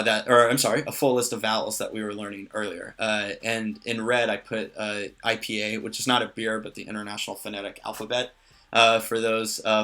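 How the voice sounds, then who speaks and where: A man teaching a language lesson in a relaxed way, with many fillers and joking asides. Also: lowish voice. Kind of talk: casual lesson.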